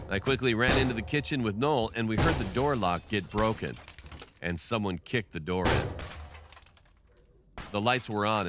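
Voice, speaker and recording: Low-voiced man narrating a story. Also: a bit bright, a little hiss or hum. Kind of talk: scripted first-person narration.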